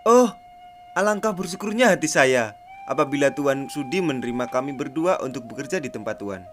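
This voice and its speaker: A man's voice: medium pitch, expressive, fairly quick, over music, natural voice. Man acting an earnest, humble young son. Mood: humble, grateful. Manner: formal, earnest, theatrical. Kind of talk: radio drama acting.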